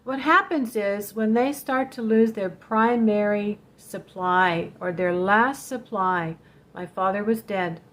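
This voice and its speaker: A woman's voice: medium pitch, takes it slowly, fairly bright tone. A woman hosting a vlog, telling a personal story in an earnest, direct way and warning her viewers. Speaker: spiritual channel host telling a personal story.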